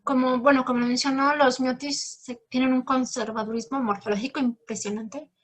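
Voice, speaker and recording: A woman lectures and fields questions from students. Her voice sits a little high, and she explains patiently, leaning often on fillers. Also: steady tone, normal speed. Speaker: guest lecturer. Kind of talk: academic talk answering questions.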